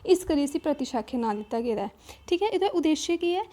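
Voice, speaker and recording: A woman teaching exam prep speaks quickly and expressively in a high, mellow voice with a Dogri accent. She breaks things down step by step, frequently stopping to check in and starting her sentences over.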